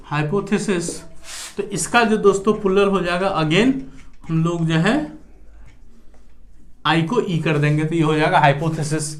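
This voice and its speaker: A man's voice: on the high side, steady tone, unhurried, pauses often. A man with an Indian accent teaching English grammar, switching between Hindi and English and checking in with "right" after nearly every sentence. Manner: mixes Hindi and English, keeps asking "right" and calling viewers friends. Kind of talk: classroom grammar lecture.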